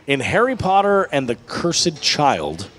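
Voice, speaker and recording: Lively man quizzing a bar crowd. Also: fairly high pitch, measured pace. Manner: lively, laughs often, teasing. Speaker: pub trivia quizmaster. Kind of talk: reading quiz questions to teams, casual banter. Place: burger bar, indoors. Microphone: microphone at a venue table. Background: music playing.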